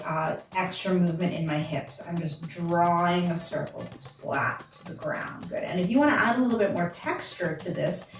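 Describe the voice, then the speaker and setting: A woman teaching a belly dance class, counting steps aloud as she dances. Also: lowish voice. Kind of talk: dance tutorial instruction. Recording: roomy, from a distance, with music.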